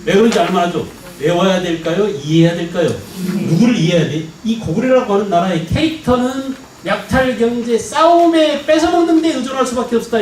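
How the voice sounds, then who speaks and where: A middle-aged male history teacher lectures at a rapid clip, his high voice leaping up and down as he keeps asking whether everyone gets it. He is recorded from a distance in a roomy, echoing hall with a faint hiss underneath. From Jeolla province, Korea. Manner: animated, keeps checking understanding with rhetorical questions. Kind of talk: lively classroom lecture. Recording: echoey hall, mic at a distance.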